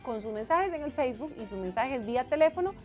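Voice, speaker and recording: A woman's voice: high-pitched, animated, quick pace, a little mellow, soft background music. A woman hosting a call-in talk show, announcing the number and welcoming callers. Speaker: program host.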